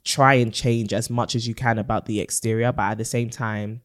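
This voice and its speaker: A man's voice: medium pitch, fairly even intonation, moderate pace, no room sound. Dry-sounding London man, urban slang. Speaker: podcast co-host. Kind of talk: casual chat.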